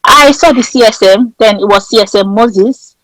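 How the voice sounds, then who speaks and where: A woman's voice: a little high, normal speed, dry recording, rough recording. A woman in her thirties with a Nigerian accent, telling a story as an interview guest in a bold, dramatic way. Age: 30s. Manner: lively and dramatic, acting out the people in her story; bold and emphatic. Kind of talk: animated storytelling.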